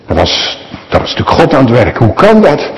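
A male pastor giving a sermon to his congregation, his pitch rising and falling as he speaks. He talks in a conversational way and keeps asking the listeners questions. His voice carries a long echo from the church hall. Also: huge pitch swings, a little fast.

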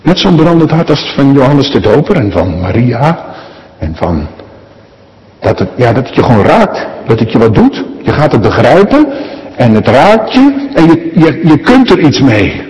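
A male pastor giving a sermon to his congregation, his pitch rising and falling as he speaks. He talks in a conversational way and keeps asking the listeners questions. His voice carries a long echo from the church hall. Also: big pitch swings, moderate pace, a little mellow, dull audio.

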